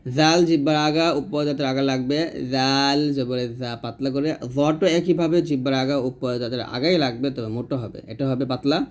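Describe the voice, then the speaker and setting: Man teaching letter sounds slowly. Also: medium pitch, a little mellow. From Bangladesh. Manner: slow drawn-out letter drills between brisk explanations. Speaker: Quran reading teacher. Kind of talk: recorded tutorial lesson.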